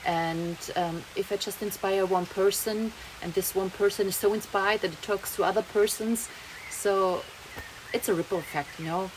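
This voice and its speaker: Speaking at a normal speed in a steady, mid-range voice, a young German-accented vlogger chats her way through a rambling, casual monologue. She laughs a lot and mixes German words into her English, with rain audible over a noisy background.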